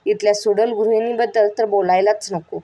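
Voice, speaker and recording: A woman reading a story aloud and voicing every character herself, expressive and lively. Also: mid-range voice, moderate pace.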